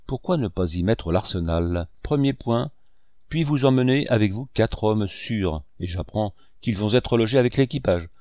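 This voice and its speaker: Stern sea captain, read by a guy, low voice, dry close mic, clipped and formal. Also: animated, moderate pace, warm tone, no echo, lightly acted. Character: stern blunt male ship captain. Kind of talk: audiobook reading.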